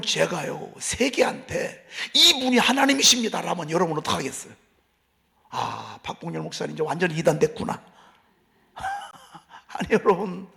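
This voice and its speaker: Lively gravel-voiced Korean pastor preaching. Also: male voice, sits high. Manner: conversational preaching with rhetorical questions; swings from loud emphasis to near whisper. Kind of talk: dawn service sermon. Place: church sanctuary.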